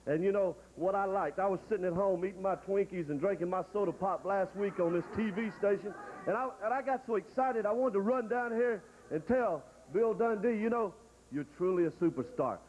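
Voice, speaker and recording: A man cutting an excitable, rambling wrestling promo, trash-talking a rival. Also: sits high. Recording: dull lo-fi 1980s TV audio with hiss.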